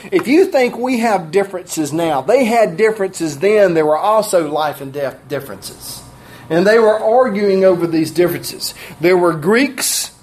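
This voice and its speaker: A man's voice: high voice, a little mellow. A middle-aged man preaching a sermon to his congregation, folksy and chuckling at his own asides. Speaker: pastor. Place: church sanctuary.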